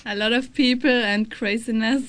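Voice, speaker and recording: A woman's voice: fairly high pitch, steady tone, moderate pace, fairly bright tone, a little hiss or hum. A young woman from Austria, visiting the studio and giving brief, cheerful answers. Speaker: visitor guest. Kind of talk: casual chat.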